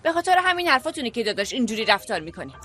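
A woman's voice: a little high, very animated, pushed and bright. A woman dubbing a clumsy young restaurant worker who pleads and apologizes. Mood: frustrated. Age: young adult. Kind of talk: dubbed drama acting.

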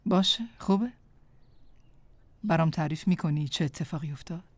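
An actress voicing a gentle, soothing therapist in a dubbed drama. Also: female voice, low voice, no echo.

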